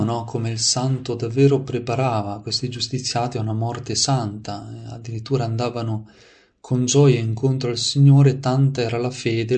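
A man's voice: medium pitch, a little mellow. A man preaching, reading a saint's life in a devout tone and adding his own asides. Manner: devout, reads aloud with added asides and restarts.

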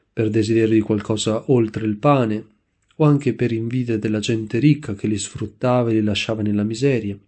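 A man narrating a story in a measured, solemn way. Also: fairly low pitch, warm tone. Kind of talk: scripted narration.

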